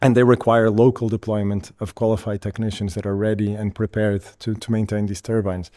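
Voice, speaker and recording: A man from Portugal, an industry representative, explaining in an interview in a halting way that repeats words at the start of phrases. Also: lowish voice, flat delivery, dark tone, dry recording, clean studio sound. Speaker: wind energy company representative.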